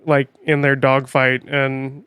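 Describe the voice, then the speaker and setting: A man co-hosting a podcast in casual chat, rambling and swearing often with animated asides. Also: mid-range voice, slow, smooth, no echo. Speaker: podcast co-host.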